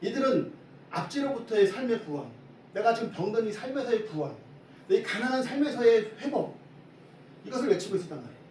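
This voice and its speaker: A man preaching a Sunday sermon as pastor, lively and often asking the congregation questions. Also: very high voice, brisk, a crowd in the background. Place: church sanctuary. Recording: echoey hall from far off, faint hiss.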